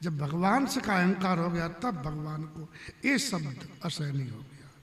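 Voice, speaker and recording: A man telling a devotional story as a sermon, shifting between soft explanation, loud dramatic declamation and sung verses. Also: fairly high pitch, animated, measured pace. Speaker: religious storyteller. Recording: echoey hall reverb.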